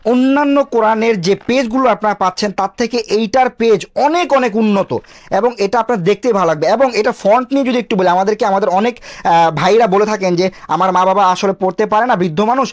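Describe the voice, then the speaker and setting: A man presents a product in a quick, brisk delivery. He points at the page and explains each feature step by step, slowing down to sound out recitation examples. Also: high-pitched. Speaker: bookshop presenter. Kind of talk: product demonstration.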